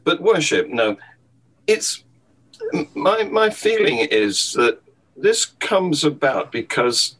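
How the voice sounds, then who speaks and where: Male guest, fairly high and husky, wry, chuckles often, reasoned. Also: very animated, slow pace, fairly bright tone, poor audio. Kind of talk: casual discussion.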